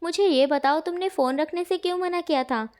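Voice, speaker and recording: A woman's voice: extremely high pitch, a little fast, a little mellow. A woman voicing a bold, hot-headed young male student who talks bluntly. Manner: blunt, exasperated.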